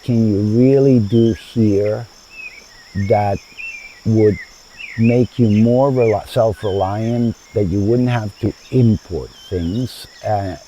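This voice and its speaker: A man in his seventies, born in Chile, answers interview questions in a garden. His voice is low and mellow and he speaks slowly with many pauses. Faint insects chirp outdoors behind him. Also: dull audio, slight background noise. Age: 70s. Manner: measured, thoughtful, with frequent hesitations. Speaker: founder of a sustainable community.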